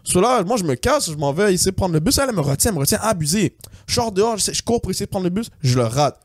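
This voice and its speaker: A young man tells a long story on a podcast. He speaks very fast in a fairly high voice and slips into English slang. He acts out the other people in the story, and the recording is dry and close. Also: big pitch swings, no echo. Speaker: podcast co-host. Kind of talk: casual storytelling.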